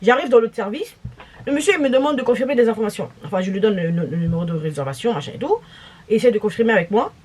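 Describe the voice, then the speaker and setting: A young woman with a French accent, telling a story in a casual vlog, exasperated and animated, with many restarts. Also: mid-range voice, rapid-fire, husky. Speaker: vlogger.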